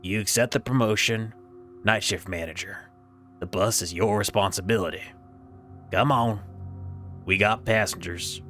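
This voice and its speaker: A man's voice: lowish voice, moderate pace, long pauses, fairly bright tone, lightly acted. A man voicing a dry, patient, insistent ghostly bus driver in a creeping horror story, expectant and routine. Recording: background music under the voice.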